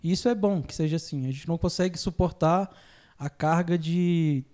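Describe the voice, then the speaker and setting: A man's voice: normal speed, dark tone. Easygoing Brazilian-style man explaining therapy. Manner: acts out clients' lines in a higher voice, laughs easily. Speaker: podcast host, phobia therapist. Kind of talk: casual explanatory chat.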